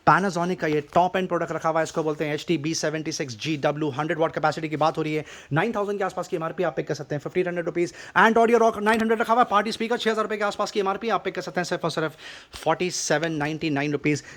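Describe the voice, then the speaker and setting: A man with an Indian accent giving an overeager, rapid-fire teleshopping sales pitch, insistent and full of repeated stock phrases, as a shop presenter. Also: fairly bright tone. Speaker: shop presenter selling discounted goods.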